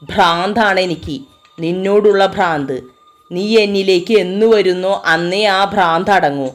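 A woman reading the lines of a brutal, obsessive young man in a spoken storybook, slow and taunting. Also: on the low side, soft background music, close to an everyday voice. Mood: menacing.

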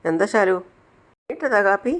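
Brief: bright, raised voice for a doting young son, playful, by a male narrator. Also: high-pitched, expressive, unhurried, pitched above the performer's own voice. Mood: concerned. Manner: affectionate, teasing. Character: loving cheerful grown son.

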